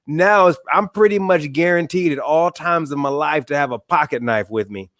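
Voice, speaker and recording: A man from Michigan, a guest author and speaker, chatting in a relaxed, wry and opinionated way over a video call. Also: fairly high pitch, normal speed, no echo, clean studio sound. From Michigan, USA. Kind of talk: casual interview chat.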